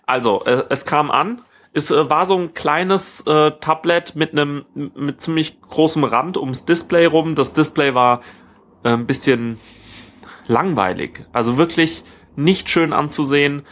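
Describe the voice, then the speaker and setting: This co-host of a relaxed tech podcast, recorded in a living room, is a man whose voice is fairly high and fairly bright. He wanders in his talk, stalls, and regularly revises what he's saying mid-sentence.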